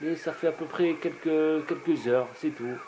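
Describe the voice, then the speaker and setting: Man doing a high-voiced, eager little pirate boy for a bedtime tale. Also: moderate pace, darkish tone, a little hiss or hum, close to an everyday voice. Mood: casual. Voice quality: high-pitched. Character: young boy Tom, cheeky pirate. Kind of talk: bedtime story reading.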